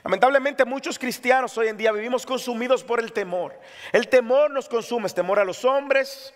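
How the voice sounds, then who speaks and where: A man's voice: extremely high pitch, moderate pace, long reverb tail. A man preaching an impassioned sermon as pastor, reading scripture aloud. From Latin America.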